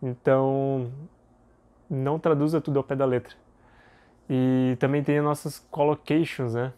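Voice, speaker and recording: A young man, giving a casual video lesson in a relaxed, chatty way full of fillers and tag questions. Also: medium pitch, unhurried. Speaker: English teacher.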